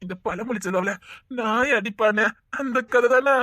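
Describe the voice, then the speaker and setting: A woman's voice: fairly high pitch, moderate pace, fairly bright tone, dry recording, studio quality, natural voice. A woman voicing a harried young husband who pleads with his mother, in a Tirunelveli Tamil accent. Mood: pleading. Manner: whiny, pleading.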